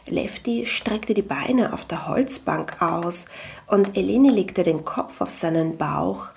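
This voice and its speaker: A woman reading a story aloud in a calm narration style, sometimes dropping to a soft whisper. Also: on the low side, creaky. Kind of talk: scripted audiobook narration.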